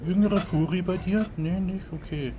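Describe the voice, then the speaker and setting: A man's voice: high-pitched, moderate pace. A man giving casual, chatty commentary on a video game, laughing along. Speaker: let's play host. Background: game music.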